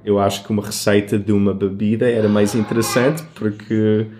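Deep-voiced guy, european portuguese accent, laid-back co-host chat, faint hiss behind. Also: little pitch movement, brisk, darkish tone. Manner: easygoing, chatty with some hesitations. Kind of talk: casual chat.

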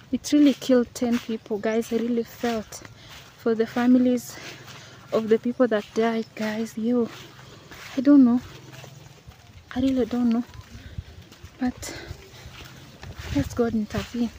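A young Kenyan woman pleads earnestly in a selfie vlog, repeating herself as she talks into a phone held at arm's length in green countryside. Her voice is high-ish and dark in tone, with little pitch movement, a measured pace and frequent pauses. The recording is low quality, with clear outdoor background noise.

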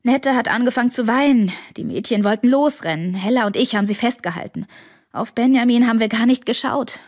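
A woman's voice: on the high side, fairly quick, lightly acted. Audiobook: woman voicing a shaken middle-aged father, hesitant, worried. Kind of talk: audiobook reading.

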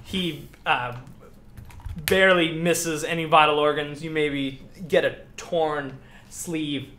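Bright-voiced man running a tabletop game. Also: fairly high pitch, steady tone, slow pace, slight background noise. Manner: rambling with many fillers. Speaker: game master.

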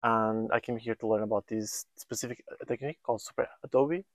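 This is a man in his thirties talking about volunteer building work on a countryside site. He wears a lapel mic, so his voice sounds close and dry. His pitch sits in the middle, and he hesitates and restarts often while he searches for words. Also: fairly even intonation, brisk, dry recording. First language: Portuguese. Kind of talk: casual on-site interview.

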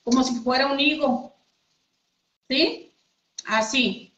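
A woman's voice: sits high, slow pace, a bit bright, slight background noise. A woman teaching a casual live craft class from home, chatting with her viewers as friends. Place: home room. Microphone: computer mic. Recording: echoey room, dull audio.

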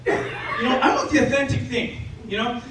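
A man from South Dakota doing a stand-up comedy set with animated, self-mocking storytelling on a club stage. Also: very high voice, a little fast. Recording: echoey club from far off, loud noise.

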